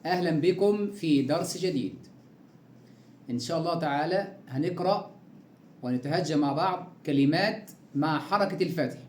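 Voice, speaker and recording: A man's voice: fairly high pitch, moderate pace, echoey room, a little hiss or hum. A man with an Egyptian Arabic accent teaching a beginners' reading lesson, spelling out words syllable by syllable with patient repetition.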